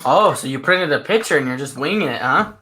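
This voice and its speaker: A man chatting casually on a stream, teasing the others and quick to laugh. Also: fairly high pitch, animated, bright, forceful tone, slight background noise. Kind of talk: casual chat on a live stream.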